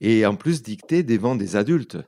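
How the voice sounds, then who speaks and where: An Argentine man, a native Spanish speaker with an Argentine accent, is a writer and translator appearing as a guest in a conversational interview. His voice is fairly low and dark, with lively intonation and a normal pace, recorded with no echo. He tells anecdotes and frequently hunts for the right word.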